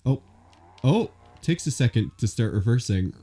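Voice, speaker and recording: Guy streaming a driving game with a friend, lively swoopy voice, swears a lot, laughs at crashes. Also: mid-range voice, normal speed. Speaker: streamer host. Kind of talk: casual gaming stream chat.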